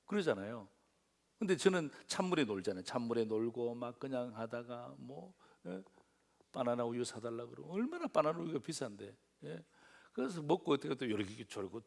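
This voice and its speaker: A middle-aged man preaching a sermon as pastor, telling a story with many rhetorical questions and swinging between loud exclamations and hushed whispers. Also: medium pitch.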